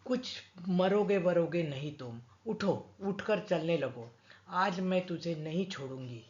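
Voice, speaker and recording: A woman's voice: fairly low pitch, animated, takes it slowly, roomy sound, highs cut off. A woman doing an angry scolding mother. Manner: sharp scolding.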